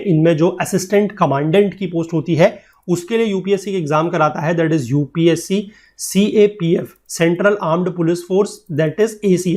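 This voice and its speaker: A man's voice: fairly high pitch, darkish tone. A man teaching a geography lesson for exam preparation, explaining patiently and often checking that students follow. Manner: explains patiently, checks understanding with tag questions; mixes English textbook lines into Hindi explanation. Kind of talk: exam-prep lecture.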